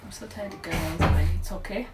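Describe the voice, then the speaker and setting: A woman's voice: on the low side, moderate pace, over loud music. A young woman from Uganda, a mother of twins, chatting tiredly and affectionately to her vlog viewers. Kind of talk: casual family vlog. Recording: echoey, distant, noisy.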